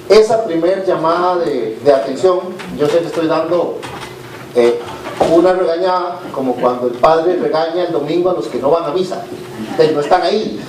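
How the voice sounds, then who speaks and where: A middle-aged man with a Costa Rican accent, a business leader giving a candid, conversational conference talk with frequent "eh" fillers. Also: a little high. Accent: Costa Rican Spanish. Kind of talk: conversational speech to an audience. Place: conference hall with a live audience. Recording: echoey hall, distant mic, faint noise.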